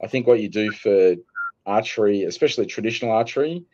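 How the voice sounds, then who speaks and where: A man with an Australian accent, a guest telling stories in a relaxed, dry-humored way during a casual interview. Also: fairly low pitch, quick pace, highs cut off. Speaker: guest, archery gear business owner.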